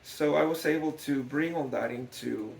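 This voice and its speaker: A Guatemalan man who builds scale models narrates a documentary without a script, speaking at normal speed in a highish, creaky, darkish voice. He is thoughtful and hesitant, often repeating words, and the room sounds echoey and reverberant.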